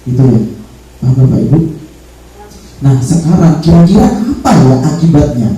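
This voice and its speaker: A playful male teacher addresses a workshop audience, acting out little classroom scenes. His voice sits a bit high but sounds dark and mellow. He is heard from a distance in a very echoey room with faint music underneath. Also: sing-song, normal speed. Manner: playful, laughs often, addresses audience as ladies and gentlemen. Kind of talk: workshop presentation with role-play examples. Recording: roomy echo, distant mic, faint music.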